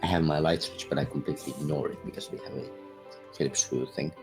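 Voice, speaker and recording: Male player, extremely deep with vocal fry, deadpan. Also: fast, over music. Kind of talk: casual chat at a tabletop game.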